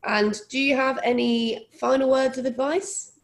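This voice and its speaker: Chatty woman podcast host, slightly higher voice, encouraging, casual interview style. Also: steady tone, a little slow.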